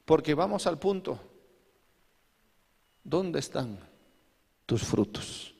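Slow preacher in a hall. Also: male voice, fairly high pitch, expressive, gravelly, warm tone, husky. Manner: preaching with rhetorical questions and acted asides. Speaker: pastor. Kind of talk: sermon.

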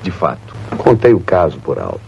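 Timid young office guy, super low voice, muffled old movie audio. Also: huge pitch swings, normal speed, gravelly, music in the background, full character voice. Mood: meek. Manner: meek, deferential. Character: submissive young male office employee.

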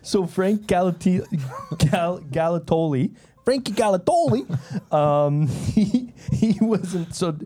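A man's voice: high voice, animated, takes it slowly, mellow. A man producing a podcast, chatting casually and giggling while unsure of his own facts. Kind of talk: casual chat. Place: studio.

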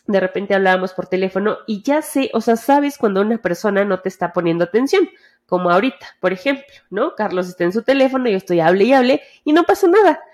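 A woman's voice: medium pitch, lively intonation, fast talker, darkish tone. A woman with a Mexican Spanish accent in casual chat, talking candidly with lots of slang and swearing, acting out bits of dialogue. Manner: acts out quoted dialogue.

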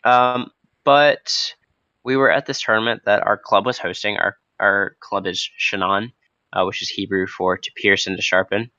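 A young man with a low, froggy voice, hoarse from a cold, hosts a podcast off the cuff. His delivery is casual and hesitant, with a bright, forward edge. The recording is close and dry. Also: steady tone, normal speed, dry recording, dull audio. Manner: hesitant, loosely unscripted. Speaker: podcast host. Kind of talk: casual, spontaneous podcast talk.

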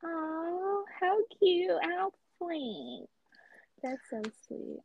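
A woman's voice: extremely high pitch, drawn-out words, phone-quality sound, slight background noise. A woman co-hosting a podcast in casual chat, teasing and giggly, loose and informal. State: tipsy from wine. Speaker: podcast co-host.

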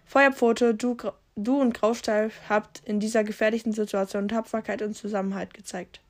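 A woman's voice: medium pitch, flat delivery, normal speed, lightly acted. A woman reading aloud and voicing a mighty male cat clan leader who makes solemn announcements to his clan. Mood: proud.

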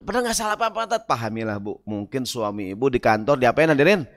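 A man preaching a lively, humorous sermon, chanting Arabic verses and acting out little voices. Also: mid-range voice, quick pace. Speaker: Islamic preacher.

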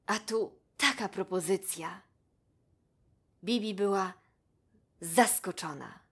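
A woman reading a children's story aloud in a gentle, measured way. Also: medium pitch, breathy edge. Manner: gentle, measured, addresses the listener.

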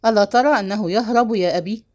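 A woman's voice: medium pitch, fairly quick, darkish tone, lightly acted. A woman reading the lines of an enraged young man who hurls heated accusations at his brother. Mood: furious.

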